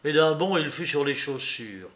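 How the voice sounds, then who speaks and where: A man reading a classic novel aloud as an audiobook narrator, measured and expressive. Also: a little high. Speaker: audiobook reader.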